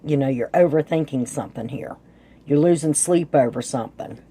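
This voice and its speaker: Her voice is low and dark with a breathy edge, delivered at an ordinary speed. Hosting her channel, she does a tarot reading while talking to viewers in a folksy, easygoing manner. Congestion from a sore throat and sinus drainage throws her voice slightly off, and it breaks up at times.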